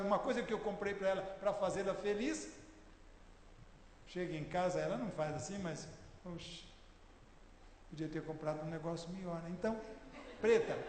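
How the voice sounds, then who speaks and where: Pastor, 60s, male, high register, emphatic and forceful; echoey church hall recording. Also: slight background noise. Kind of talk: sermon.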